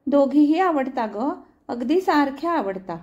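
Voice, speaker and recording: A woman's voice: sits high, animated, measured pace, darkish tone, muffled recording, pitched above the performer's own voice. A woman voicing a curious, talkative little boy who keeps pressing his questions in a storybook reading. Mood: earnest. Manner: insistent childish questioning.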